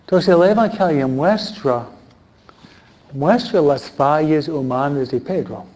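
Slow-speaking male preacher. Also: fairly high pitch, darkish tone, lo-fi sound. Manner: conversational, asks the audience questions. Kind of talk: sermon.

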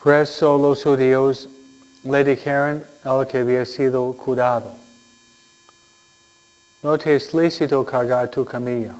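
A man speaking as a priest in solemn church delivery, reading scripture and preaching with deliberate phrasing and frequent pauses. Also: medium pitch, steady tone, darkish tone, clear, resonant tone, dull audio. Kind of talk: solemn Gospel reading and homily.

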